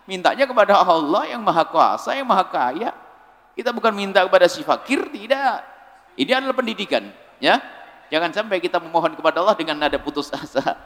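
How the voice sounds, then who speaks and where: A man preaching a sermon, lively, acting out people's prayers in a raised voice. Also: high voice, a little fast. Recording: reverberant hall.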